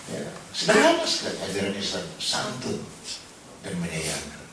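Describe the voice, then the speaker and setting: A male preacher giving a Ramadan study sermon, telling lively stories and acting out voices with humor. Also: low voice, normal speed. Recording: echoey hall from far off with noise.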